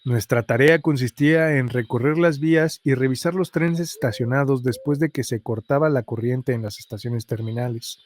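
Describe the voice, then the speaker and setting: A man reading horror stories aloud as a scripted narration, in an even, measured way. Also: mid-range voice. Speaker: storyteller.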